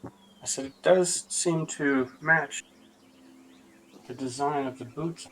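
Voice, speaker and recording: A man playing a tabletop game over an online call, his voice quiet and cutting in and out as the connection drops. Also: fairly high pitch, slow pace, slight background noise, poor audio.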